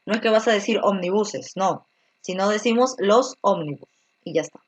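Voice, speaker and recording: A woman's voice: mid-range voice, animated, normal speed. A woman teaching an online grammar class, explaining step by step and checking in with frequent tag questions. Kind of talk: virtual grammar lesson.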